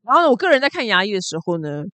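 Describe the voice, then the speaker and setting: A woman's voice: medium pitch, big pitch swings, rapid-fire, a bit bright, no room sound. A woman from Taiwan with a Taiwanese Mandarin accent, hosting a casual news commentary podcast in a chatty, exclamatory way, dropping in English words. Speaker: podcast host.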